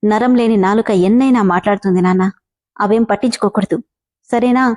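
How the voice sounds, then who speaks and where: A woman's voice: medium pitch, brisk, a little mellow, lightly acted. A woman voicing a grieving, devoted mother in a spoken story, talking in a tender, pleading way. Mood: soothing.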